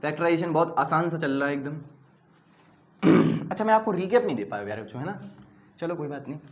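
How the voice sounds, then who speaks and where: Guy teaching maths online, high voice, clears his throat a lot, plays the students' questions himself. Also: lively intonation, fast. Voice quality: some English terms mixed in. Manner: voices students' questions himself and answers them, calls learners "dear children"; repeats key terms and asks the class to say them back.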